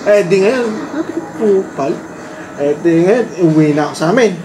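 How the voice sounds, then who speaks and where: A man's voice: sits high, expressive, fast talker, reverberant. A man telling childhood stories in casual family chat, laughing often as he talks. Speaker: storyteller. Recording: noisy room background.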